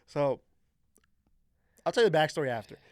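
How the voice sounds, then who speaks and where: A young man in relaxed podcast talk, slangy and lively, jumping into voices as he tells a story. His voice sits a touch high for a man and is recorded close and dry, with no room sound. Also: normal speed, no echo. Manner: animated storyteller, slangy, acts out quotes. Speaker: co-host. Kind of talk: casual chat.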